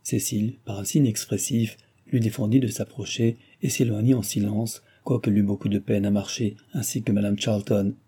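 A man narrating a classic novel in a steady, measured way. His voice is dark and husky, and sits somewhat low. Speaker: audiobook reader.

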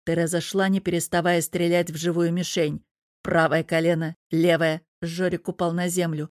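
A woman narrating an audiobook in a steady storytelling manner. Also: on the low side, moderate pace, no echo, studio quality.

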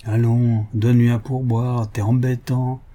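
A brash young woman cyclist from an old storybook, sassy and bossy in rough street slang, as a male reader puts her on. Her voice is raised high and lively, yet keeps a husky edge. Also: normal speed.

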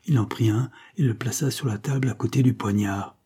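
A man narrating an old novel in a measured, dramatic audiobook reading. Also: medium pitch, dark tone, breathy edge.

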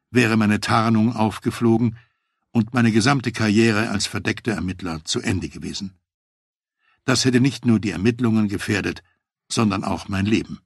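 A man narrates a first-person memoir in a measured, matter-of-fact way. His voice sits low and carries a husky grain. The recording is close and dry, with no room sound. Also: no echo. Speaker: audiobook narrator.

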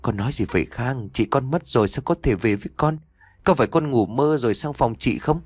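A man's voice: medium pitch, a little mellow, slightly rough, no room sound, voice pushed up, lightly acted. A man voicing a stern, angry father who scolds his wife in an audio story. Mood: puzzled. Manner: scolding, fast.

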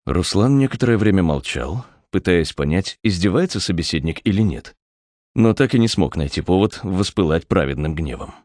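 A man narrating an audiobook with a measured, expressive reading. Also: low-pitched, dry recording, studio quality. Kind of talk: scripted narration.

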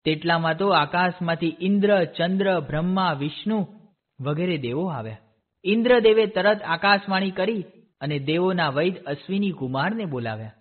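A man narrating a devotional children's storybook in a steady, clear reading voice. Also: sits high, normal speed. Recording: tinny phone-like sound.

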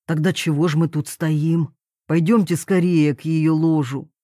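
A woman voicing a jealous, hot-tempered middle-aged military father who blusters and growls low. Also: steady tone, a little slow, warm tone, no echo, studio quality. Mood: gruff. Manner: gruff, blustering, dropping to a low menace.

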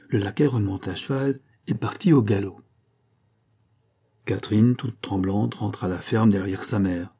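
A man narrating a classic novel as an audiobook, reading in a measured, dramatic way. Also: lowish voice, dark tone, breathy edge. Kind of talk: scripted narration.

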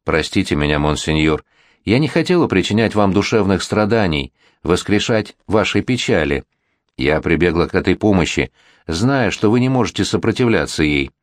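Man doing a young woman begging politely, low voice, dry sound. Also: sing-song, normal speed, no room sound. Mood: earnest. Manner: pleading. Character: young woman, pleading, virtuous bride-to-be.

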